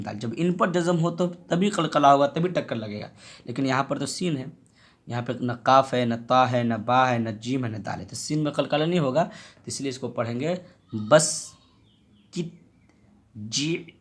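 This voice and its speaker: A man teaching reading in a slow, patient way, sounding out syllables clearly and repeating them for learners. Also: medium pitch. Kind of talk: slow tutorial with drills.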